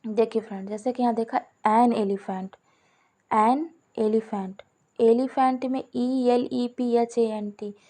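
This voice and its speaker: A woman teaching a grammar lesson with a slightly high voice. She goes step by step, repeats her examples and poses questions only to answer them herself. She speaks warmly to her viewers as friends. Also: fairly even intonation, measured pace. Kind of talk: Hindi-language grammar lesson.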